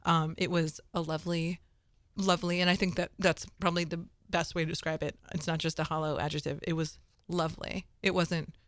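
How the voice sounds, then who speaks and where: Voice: mid-range voice, flat delivery, a little fast, a bit bright, no echo. A co-host in a casual film chat, chatty with a dry sense of humor. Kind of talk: casual chat about films.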